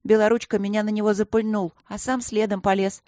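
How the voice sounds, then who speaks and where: A woman's voice: brisk, no echo, studio quality, close to an everyday voice. A woman doing a brash, tipsy young dwarf girl. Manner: high, loud, excitable, slurring.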